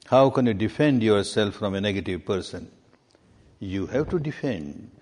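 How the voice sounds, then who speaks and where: A man teaches meditation and answers questions at a steady, measured pace. He leans on repetition, going back over key words to drive them home. His voice carries the long reverb of a large hall. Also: fairly low pitch. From Myanmar. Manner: deliberate, repeats key words for emphasis. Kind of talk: answering questions in a spiritual talk.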